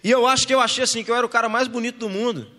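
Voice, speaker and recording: A young adult Brazilian man preaching as a pastor, telling his own story in a conversational, animated way. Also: extremely high pitch, rapid-fire. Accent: Brazilian Portuguese. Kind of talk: sermon testimony. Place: church hall. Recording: long church reverb.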